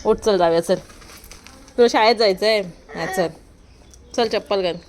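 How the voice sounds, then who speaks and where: A woman's voice: mid-range voice, unhurried, crowd noise. A young mother chatting casually at home with her little daughter, patient and playful, coaxing her along. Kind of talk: casual home chat with a small child.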